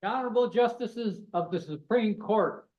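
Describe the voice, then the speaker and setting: A man acting as court crier, formally proclaiming a court session in a drawn-out town crier style. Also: sits high, highs cut off.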